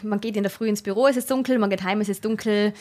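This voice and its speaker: A woman's voice: mid-range voice, steady tone, fast talker, a little mellow. A woman from Tyrol with a mild Tyrolean accent, chatting cheerfully and modestly as a singer being interviewed. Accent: Austrian, Tyrolean. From Tyrol, Austria. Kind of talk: casual interview chat.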